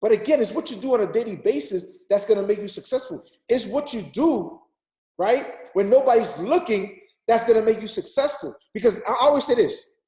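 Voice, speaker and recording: This motivational speaker, a man in his thirties, presses his group-call audience with repetitive, preacher-like exhortations. He speaks a little fast in a high, expressive voice with a darkish tone, and the sound is reverberant.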